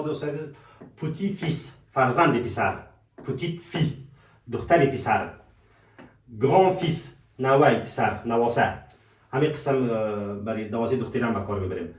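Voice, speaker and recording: A man teaching vocabulary, repeating words slowly and calling his students dear friends, in an echoey room away from the mic. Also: mid-range voice, far from the mic. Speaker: language teacher.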